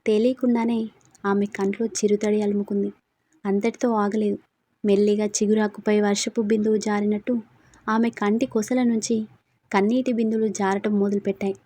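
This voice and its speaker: A woman reading a romantic story aloud in a soft, measured narration. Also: medium pitch, level tone, no room sound.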